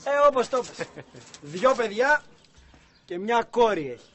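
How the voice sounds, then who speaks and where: A man's voice: very high-pitched, big pitch swings, a bit bright, exaggerated voice. An actor playing an evasive young man who answers a stranger's questions offhandedly in a sitcom. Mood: cagey. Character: evasive young man working at a big house. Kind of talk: sitcom acting.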